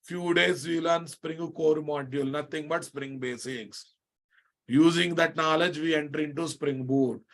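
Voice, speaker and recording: A man's voice: on the high side, steady tone, a little slow, a bit bright. A man with an Indian accent lecturing a live online programming class, often repeating his phrases and checking that listeners follow. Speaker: programming instructor.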